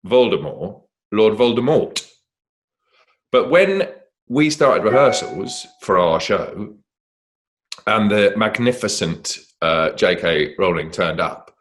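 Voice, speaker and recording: A middle-aged man co-hosting a quiz, reading questions and telling backstage stories. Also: on the low side. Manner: reads questions cheerfully, chatty and anecdotal. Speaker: quiz co-host.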